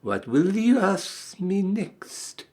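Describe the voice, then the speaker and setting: A man performs a python from a storybook, full of dreadful scorn. The words come slowly and swoop with drawn-out disdain. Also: high voice, sing-song, warm tone, voice pushed up, exaggerated voice. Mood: scornful. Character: scornful bi-coloured python snake. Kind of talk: storybook character voice.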